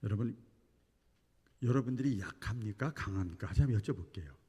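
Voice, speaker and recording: A man preaching a sermon as pastor, telling a story animatedly and moving between hushed and emphatic delivery. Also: on the low side, brisk, husky, in a large hall. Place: church sanctuary.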